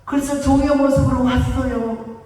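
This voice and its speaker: Older female pastor, emphatic call-and-response sermon style, very high pitch, recorded in a cavernous echoing sanctuary. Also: fairly even intonation, moderate pace. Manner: emphatic, conversational, rising to shouts; engages congregation in call-and-response. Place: church sanctuary. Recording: echoey church hall, voice from far off.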